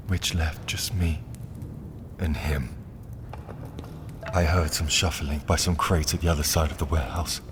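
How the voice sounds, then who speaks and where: A male narrator and performer delivers dark, scripted first-person drama narration. His voice is deep and slow, brooding and deliberate, with dramatic pauses. Clear ambient noise sits behind it.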